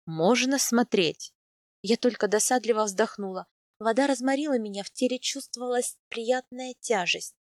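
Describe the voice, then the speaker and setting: A woman reading a first-person novel aloud in an even, intimate storytelling manner. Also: on the high side, normal speed, no echo, studio quality. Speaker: audiobook narrator. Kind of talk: first-person scripted narration.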